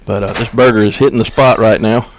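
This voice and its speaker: A man calling a high school football game in an easygoing, joking way from the press box. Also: steady tone, fast, rough recording. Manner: easygoing, joking between plays. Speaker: play-by-play announcer. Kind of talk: relaxed local sports commentary.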